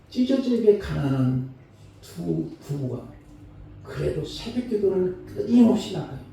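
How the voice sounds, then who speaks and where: Male pastor, Sunday sermon, rough mellow voice, preached from a distance in a ringing sanctuary. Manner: preaching with sudden swings between loud, high calls and low, hushed lines. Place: church sanctuary. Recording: very echoey church hall, mic far off.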